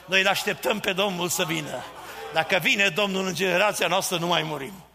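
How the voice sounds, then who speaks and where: A man preaching a fervent sermon as a pastor, rising to shouts. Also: sits high, creaky, big-room sound.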